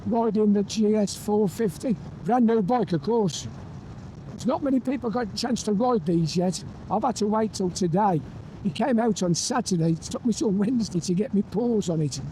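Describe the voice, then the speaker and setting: A motorcycle reviewer with a fairly high, mellow voice talks eagerly about the bike he's riding on open roads, delivering ride-along commentary. Captured through a motorbike helmet intercom mic, the audio is poor, with faint wind and engine noise under his words.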